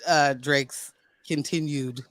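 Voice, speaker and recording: A man co-hosting a podcast in casual chat, animated and laughing, heavy on slang. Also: on the high side, slow pace, dry recording, studio quality. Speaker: podcast co-host.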